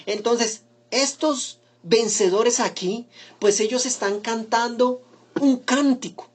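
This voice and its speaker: A male pastor with a mixed accent delivers a relaxed, conversational sermon. He poses rhetorical questions, restarts his sentences and tags them with a questioning "¿no?", warmly addressing his congregation as brothers. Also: extremely high pitch, slow.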